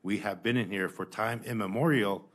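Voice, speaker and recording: A man giving spoken testimony as a witness at a hearing, earnest and insistent, often halting and restarting his phrases. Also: on the low side. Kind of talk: spoken testimony, answering questions.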